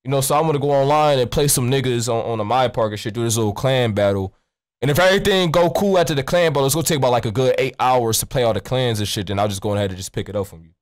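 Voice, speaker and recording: At an indoor streaming desk, a young American man runs a prank call, speaking very fast in a medium-pitched voice. He rambles in casual street slang, nonchalant and swearing, close on a studio mic fitted with a pop filter while wearing a headset.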